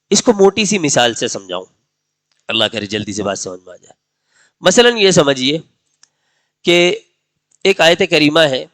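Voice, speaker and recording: A man giving a religious lecture, explaining points patiently and slowing into melodic chanted recitation of verses. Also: on the high side, fairly bright tone, no echo. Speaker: religious teacher. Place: mosque lecture gathering.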